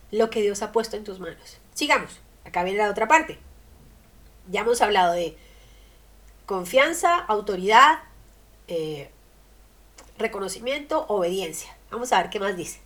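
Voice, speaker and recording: A woman preaching a radio sermon, emphatic, asking rhetorical questions and swinging between loud and soft. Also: medium pitch, expressive, a little slow, long pauses.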